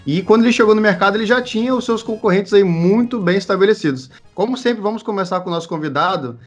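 A man's voice: high-pitched, fast, soft background music. A man with a Brazilian Portuguese accent co-hosting a casual podcast in an informal, teasing way. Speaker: podcast co-host.

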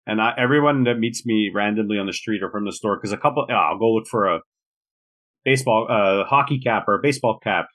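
A man's voice: lowish voice, quick pace, fairly bright tone. A man from Montreal hosting a podcast interview, casual and hesitant, often restarting his sentences. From Montreal, Quebec. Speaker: podcast host.

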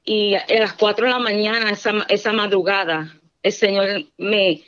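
A woman's voice: mid-range voice, steady tone, normal speed, a bit bright. Earnest woman giving church testimony. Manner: earnest, fervent, often adding "¿verdad?". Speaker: testimony speaker. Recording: dull lo-fi recording.

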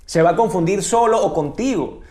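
A man, a guest talking as a speaking coach on a talk show, who deliberately varies his pace and pitch for effect. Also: warm tone. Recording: roomy echo.

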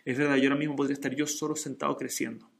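Gravelly man giving animated Torah lesson. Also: mid-range voice, very fast. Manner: animated, acts out dialogue in story. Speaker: Torah teacher. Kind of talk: religious lesson with storytelling.

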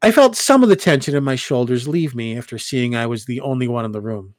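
A man reading first-person fiction aloud, with expressive storytelling as an audiobook reader. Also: medium pitch, fairly quick, no echo, clean studio sound.

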